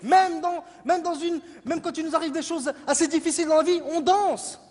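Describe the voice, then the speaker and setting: A man from Morocco doing a lively stand-up comedy set in front of an audience, mixing in Moroccan Arabic phrases. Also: very high voice, normal speed. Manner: lively, switching between French and Moroccan Arabic phrases, acting out his parents. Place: large stage before a live audience. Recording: hall reverb with crowd laughter.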